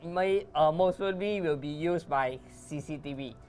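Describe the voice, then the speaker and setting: Low-voiced woman tech specialist. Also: normal speed, a little mellow. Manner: patient, plain, matter-of-fact. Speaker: product specialist. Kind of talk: explaining tech products.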